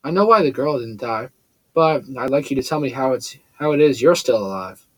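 A man's voice: mid-range voice, lively intonation, a little fast, no echo, lightly acted, low-quality recording. A man voicing a cold, severe adult woman villain who sounds soothing over steely menace, in a storybook reading.

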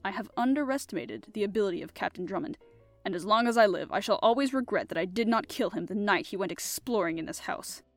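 A woman reading an audiobook voices a suave male master criminal, speaking slowly and smoothly with quiet menace. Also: mid-range voice, lively intonation, no room sound, soft background music, close to an everyday voice. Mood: grim. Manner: smooth, slow and sinister.

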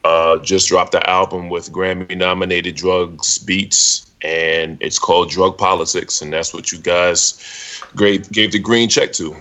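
A Brooklyn-born man talking about his music as an interview guest, relaxed and easygoing. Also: sits low, a little slow. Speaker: rapper guest. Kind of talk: casual interview chat. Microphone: video call setup.

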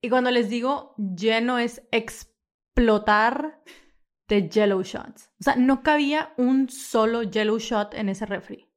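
A young adult woman from Mexico with a Mexican accent, co-hosting a podcast in casual chat, quick and full of agreeing murmurs. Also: a little high. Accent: Mexican Spanish. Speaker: podcast co-host.

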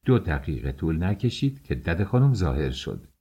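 Deep, husky male audiobook reader. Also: muffled recording. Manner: expressive storytelling. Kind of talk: audiobook narration.

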